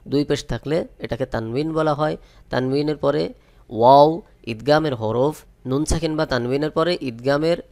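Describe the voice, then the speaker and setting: In a step-by-step recitation lesson, a medium-pitched man first spells each letter and vowel of the Quran aloud, then chants the words slowly, stretching them out.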